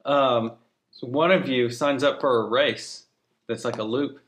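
A man's voice: medium pitch, fairly even intonation, unhurried, fairly bright tone. A man, a podcast co-host, telling an amused story in casual chat.

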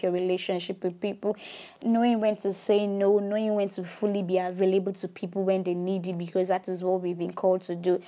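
A woman's voice: on the low side, dark tone. A woman giving a casual faith talk to her viewers, emphatic, repeating words and asking rhetorical questions.

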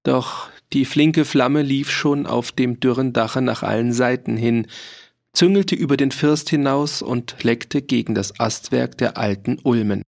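Male audiobook narrator, gravelly, unhurried, measured delivery. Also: mid-range voice, a little mellow. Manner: slow, measured reading with voiced character lines. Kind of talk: scripted narration of a historical novel.

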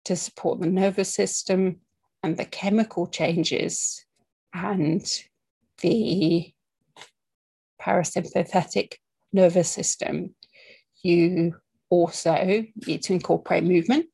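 Slow, halting woman, slightly husky. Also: on the low side, a little mellow. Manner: halting, deliberate delivery with long pauses; candid, conversational, checks in with okay and yeah. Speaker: breathing coach. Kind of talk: informal spoken talk to camera about anxiety and breathing.

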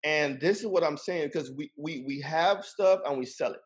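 A man's voice: fairly high pitch, normal speed, slightly rough. A middle-aged man speaking as a guest in a casual discussion, earnest, often repeating words as he builds a point.

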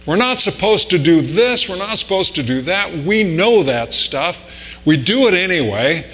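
A man's voice: high voice, big pitch swings, unhurried, fairly bright tone. A man preaching a conversational sermon with anecdotes, pressing harder on his key points. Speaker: pastor. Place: church sanctuary. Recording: reverberant hall with mains hum.

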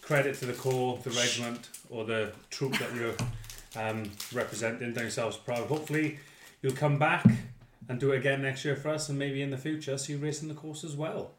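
A man's voice: mid-range voice, steady tone, fairly quick, echoey room, a little hiss or hum. A man co-hosting a club podcast, talking in a chatty, jokey way. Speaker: podcast co-host. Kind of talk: casual chat.

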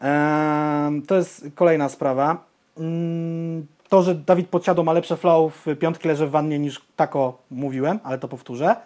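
A young podcast co-host with a slightly high voice speaks unhurriedly as he rants in casual chat. He's blunt and opinionated, swearing and getting animated.

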